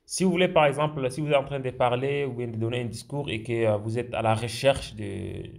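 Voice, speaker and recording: Gravelly-voiced man teaching slowly. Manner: slow, hesitant, many fillers; speaks English phrases higher and slower. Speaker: English teacher. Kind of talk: screen-share language lesson.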